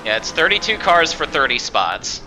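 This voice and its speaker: A man's voice: on the high side, big pitch swings, moderate pace, noisy background. A man hosting casual live sim racing commentary as race commentator.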